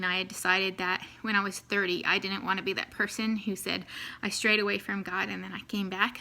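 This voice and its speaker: A woman with a New Zealand accent tells her own story in a loose, chatty way, dropping in ums as she goes. Her voice is bright and fairly high, and her pitch stays quite level. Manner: chatty, laughs easily, many ums. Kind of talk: casual personal story to camera.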